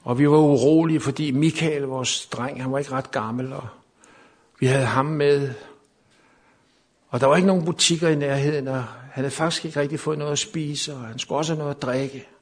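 A man's voice: mid-range voice, fairly even intonation, breathy edge. A man preaching a sermon at a camp meeting, telling a personal story unscripted, with many repeated words, and building to fervent preaching.

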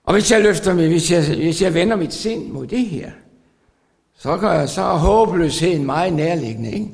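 A man preaches a sermon in a high, gravelly voice. He circles back over his phrases with fillers, then rises into loud, stretched-out declarations. Long reverb from a large hall trails every word. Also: animated. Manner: builds to loud emphatic preaching, stretches key words; repeats phrases, hesitates with fillers.

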